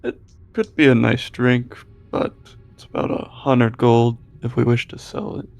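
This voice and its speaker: Hesitant man with a creaky voice. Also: mid-range voice, fairly even intonation, a little slow, a little mellow. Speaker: tabletop game player. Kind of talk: casual chat.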